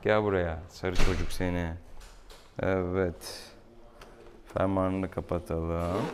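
Speaking slowly in a low, fairly unmoving pitch, a young male vet makes casual conversation and gently teases an animal along as he treats it. The camera sits a few steps off in a small tiled exam room, and the space is noisy.

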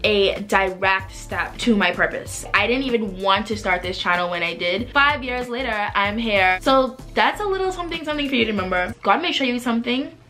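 A young woman from the Bahamas talks straight to camera at her desk, animated and full of gestures. Her voice is bright and forward. Faint music sits low underneath. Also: fairly quick, few pauses. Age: young adult. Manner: animated, expressive, gestures a lot while talking. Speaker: vlogger and singer-songwriter. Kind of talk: casual chat to camera. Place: bedroom with desk and shelves, indoors.

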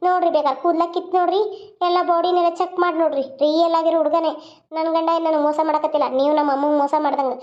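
A woman's voice: very high-pitched, level tone, rapid-fire. A woman voicing a defiant young married daughter who taunts and scolds her father in a cartoon. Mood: scornful. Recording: dull lo-fi audio.

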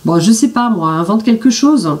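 A woman voicing a small, eager male hamster who wants to be a cowboy, high and excited. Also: normal speed, far from the mic, natural voice. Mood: pleading.

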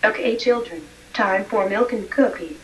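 A female computer voice playing a strict preschool teacher, flat and synthetic, heard from afar. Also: mid-range voice, normal speed, close to an everyday voice. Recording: distant, faint room noise.

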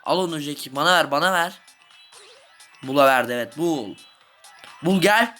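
A young man giving excitable live commentary over his own gameplay, shouting at goals and groaning at misses. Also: fairly high pitch, moderate pace. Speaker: gaming video host. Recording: game music playing behind.

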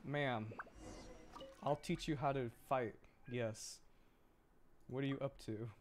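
This man speaks at a medium pitch in a steady tone, taking his time, with a faint hiss or hum on the recording. He's a livestreamer and VTuber host chatting casually over game music, giggly and easily amused as he reacts to the gameplay and to his chat.

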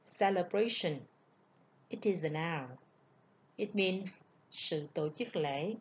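Vietnamese lady teacher, says each english word twice real slow, online class vibe. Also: low-pitched, slight background noise. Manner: slow, careful model pronunciation, repeating each word. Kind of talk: online vocabulary lesson.

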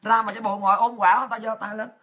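A woman's voice: mid-range voice, level tone, very fast, a bit bright, slightly rough. A woman with a Southern Vietnamese accent giving an angry, profane political rant. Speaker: political commentator.

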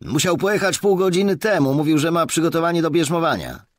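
A man's voice: fairly high pitch, expressive, fast talker, no echo, clean studio sound, voice pushed up, lightly acted. A man voicing a nervous young male village constable who speaks eagerly and apologetically in a raised voice.

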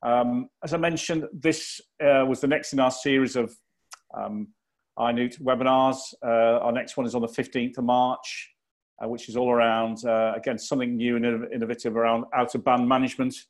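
A man with a Geordie accent wrapping up a business webinar as host, talking in a halting way with many fillers and restarts. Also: mid-range voice, steady tone. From North East England. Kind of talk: corporate webinar wrap-up.

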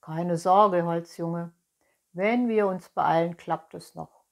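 A woman voicing a sly, smooth-talking male fox in a storybook reading. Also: lowish voice, steady tone, slow. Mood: coaxing.

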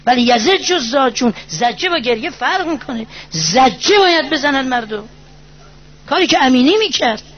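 A man preaching a religious lecture with passion, going from hushed to raised and reciting poetry and prayers. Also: very high voice, lively intonation. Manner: impassioned, swings between hushed and raised. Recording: dull lo-fi recording.

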